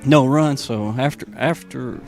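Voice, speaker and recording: A middle-aged man with a Tennessee accent doing casual, folksy play-by-play for a high school softball game. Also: unhurried, faint music behind. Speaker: play-by-play announcer. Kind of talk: local radio sports commentary.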